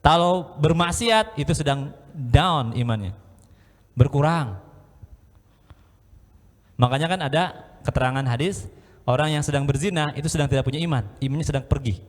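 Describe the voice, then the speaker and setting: Animated preacher man in an echoey hall. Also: fairly high pitch, moderate pace, long pauses. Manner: animated storyteller, acts out scenes and chants. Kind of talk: lively Islamic sermon with jokes.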